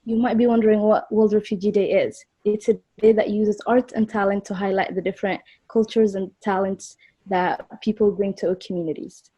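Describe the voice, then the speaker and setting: Young woman from Somalia, warm and breathy, measured co-host read, lo-fi sound. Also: medium pitch, fairly even intonation. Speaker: event co-host. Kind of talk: scripted introduction. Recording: dull lo-fi recording.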